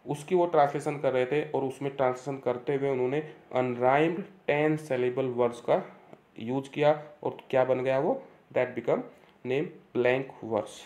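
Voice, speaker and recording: A man giving an exam-prep literature lecture, reading English lines slowly, explaining them, and asking and answering his own questions. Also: mid-range voice, a little mellow. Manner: reads English lines slowly, then repeats key terms.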